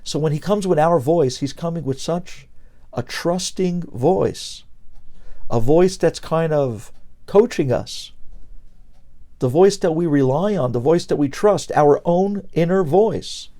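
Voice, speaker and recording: A man giving a passionate Torah lecture as a rabbi, swinging between loud emphasis and hushed lines, with Hebrew phrases mixed in. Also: fairly high pitch, lively intonation, unhurried.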